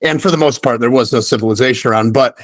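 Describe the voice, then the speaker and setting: A man's voice: mid-range voice, fast, no echo. A man from Idaho co-hosting a podcast, chatting casually with laid-back jokes and some swearing. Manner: joking, laid-back, profane. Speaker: podcast co-host.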